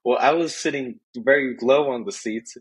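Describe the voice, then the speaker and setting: A man's voice: medium pitch, normal speed, a loud crowd, poor audio. A young man from Tijuana and San Diego, chatting casually as a podcast guest, rambling with many restarts. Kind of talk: casual chat.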